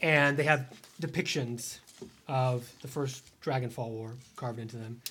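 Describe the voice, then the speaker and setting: A man narrating a tabletop game as game master, lively and quick to laugh, mimicking crowd gasps and whispers. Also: medium pitch.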